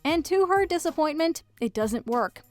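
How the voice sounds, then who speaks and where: A woman's voice: high-pitched, lively intonation, normal speed, faint music behind. A woman narrating a scripted pop-culture countdown video.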